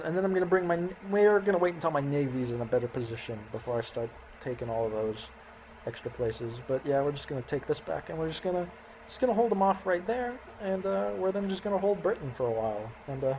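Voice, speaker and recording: A man's voice: fairly high pitch, quick pace, darkish tone, lo-fi sound, a little hiss or hum. A man casually commentating his own strategy game session, chuckling and talking to his units as he plays. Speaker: gameplay commentator.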